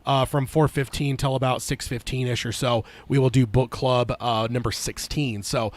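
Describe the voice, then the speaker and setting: A man co-hosting a podcast in casual chat, halting and stop-start, his voice slightly weak and strained after being sick. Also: mid-range voice, steady tone, no room sound. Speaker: podcast co-host.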